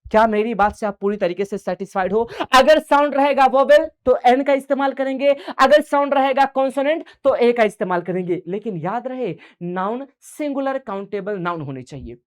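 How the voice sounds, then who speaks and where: A man's voice: very high voice, expressive, smooth. A man teaching an online English grammar class for board exam preparation. He talks in a chatty, coaxing way, calls his students affectionate names, and asks and answers his own questions. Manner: mixes English grammar terms into fast conversational explanation.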